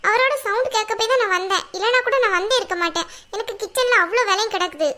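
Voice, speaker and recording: Cartoon part: young wife falsely blamed, pleading, protesting, very high and bright, a woman voices her. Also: fast, slight background noise. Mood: defensive. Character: young daughter-in-law wife, defensive and wronged. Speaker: daughter-in-law. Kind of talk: cartoon voice acting.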